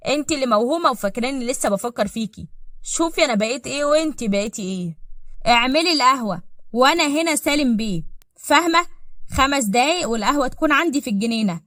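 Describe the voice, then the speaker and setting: A woman's voice: fairly high pitch, animated, very fast, no echo, studio quality, natural voice. A woman with an Egyptian accent voicing a proud, vengeful rich man who talks in a cold, commanding way.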